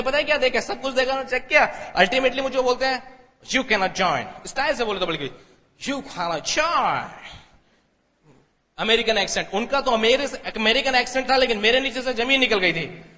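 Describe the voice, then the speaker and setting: A man telling his story to an audience as a motivational speaker, animated and acting out the dialogue. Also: extremely high pitch, normal speed. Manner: animated, acts out dialogue, mixes in English. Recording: long hall reverb.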